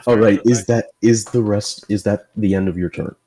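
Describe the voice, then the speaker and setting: A man running a tabletop role-playing game as dungeon master, relaxed, explaining the rules and thinking aloud. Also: lowish voice, a little slow.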